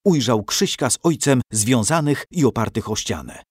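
A man giving an expressive, dramatic scripted narration of a historical story. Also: medium pitch, moderate pace, husky, no echo, clean studio sound.

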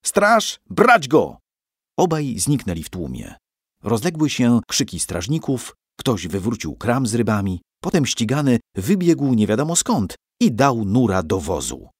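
Mężczyzna czytający opowieść, barwnie i ekspresyjnie. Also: male voice, mid-range voice, normal speed, breathy edge, dry recording, studio quality. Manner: lively, expressive storytelling. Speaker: audiobook narrator. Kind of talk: scripted story narration.

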